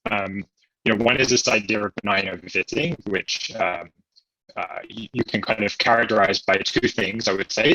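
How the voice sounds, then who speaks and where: A man's voice: on the low side, pushed and bright, no room sound, dull audio. A man giving a technical lecture over a video call, hesitant, with many fillers and restarts. His call audio is staticky. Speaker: invited speaker. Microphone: video call computer mic.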